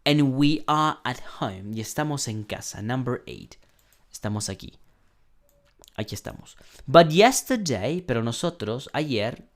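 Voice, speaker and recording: A man teaching an online English lesson, slowly modeling sentences and translating them, often clearing his throat. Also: medium pitch. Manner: slow, patient explaining, modeling English sentences then translating.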